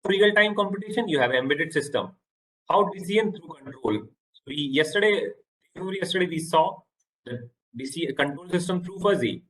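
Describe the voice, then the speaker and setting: A man with an Indian English accent giving a halting online lecture over a video call, often repeating words. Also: fairly high pitch, animated, fairly bright tone, low-quality recording.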